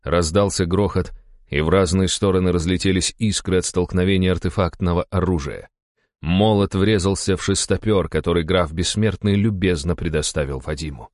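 A man reading an audiobook in an even, steady storytelling voice. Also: sits low, normal speed, no room sound, clean studio sound. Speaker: audiobook narrator. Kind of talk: audiobook narration.

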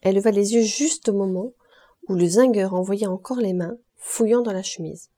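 A woman reading a classic novel aloud in steady, measured narration. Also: mid-range voice. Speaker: audiobook reader. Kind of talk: scripted literary narration.

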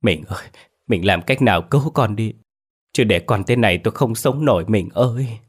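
A man voicing a grieving middle-aged mother who wails and begs, her voice hoarse from crying, in a told story. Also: deep voice, steady tone, fairly quick, natural voice. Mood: wailing, pleading. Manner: wailing, begging.

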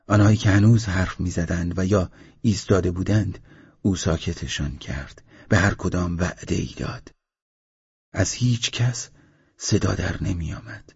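Male audiobook narrator with a low, gravelly-husky voice, measured and dramatic, dry slightly dull studio sound. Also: darkish tone, dry recording. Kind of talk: scripted literary narration.

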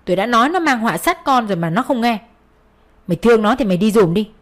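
A woman voicing a harsh, superstitious older mother-in-law who shouts and scolds, in a storybook reading. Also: a little high, expressive, fast talker, lightly acted. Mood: shouting. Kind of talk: storybook narration.

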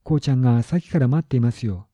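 A man voicing a pert, sharp-tongued young woman. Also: mid-range voice, very fast, no room sound, clean studio sound, lightly acted. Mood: coaxing. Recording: dull lo-fi recording.

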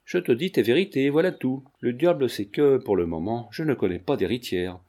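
A man's voice: medium pitch, animated, brisk, dark tone, lightly acted. A man voicing a jovial, sententious old retired lawyer in his sixties, bantering and lecturing at the dinner table. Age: 60s.

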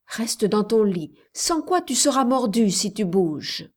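A woman voicing a calm, devoted young nursemaid who soothes a frightened child with urgent, firm words. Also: mid-range voice, takes it slowly. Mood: firm scolding. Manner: soothing yet urgent, rising to loud calls.

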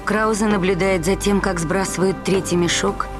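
A woman's voice: medium pitch, fairly even intonation, moderate pace. A woman reading scripted narration that describes the action of a film. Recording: loud film soundtrack underneath. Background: film music and engine noise.

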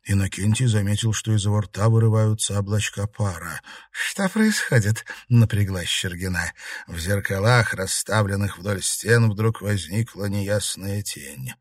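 A man narrating an audiobook in an even, measured storytelling manner. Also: on the low side, dry recording, studio quality, distant mic. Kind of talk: scripted narration.

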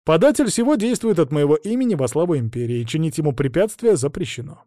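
A man's voice: fairly high pitch, sing-song, quick pace, warm tone, no echo, studio quality, voice pushed up. A male audiobook reader voicing the first-person heroine, a wry, self-assured young woman, in a lifted tone.

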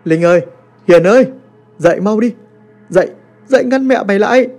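Man as scared young son, urgent shouting, a bit raised. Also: high voice, animated, moderate pace, soft background music, pitched above the performer's own voice.

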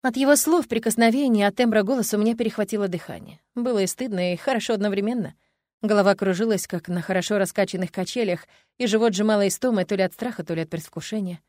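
A woman narrates a fantasy romance in the first person, telling it with expression at a middle pitch. The read is dry and close to the mic. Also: quick pace, dry recording. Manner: expressive storytelling. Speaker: audiobook narrator.

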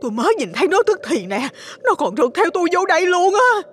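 A man voicing a terrified, stammering older woman, the landlord's wife, pleading in a high, shaky voice. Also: very animated, fast, a bit bright, heavily acted. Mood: panicked.

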